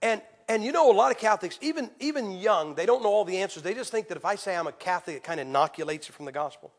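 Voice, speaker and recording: A man preaching a sermon, telling stories with acted quotes and swinging from loud to hushed. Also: high-pitched, expressive, racing. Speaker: evangelist preacher. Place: church. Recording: hall reverb.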